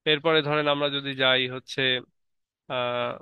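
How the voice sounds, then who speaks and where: A man's voice: medium pitch, steady tone, measured pace, clean tone, dry recording, narrow, tinny audio. A man teaching a grammar lesson, patiently explaining and spelling words out letter by letter.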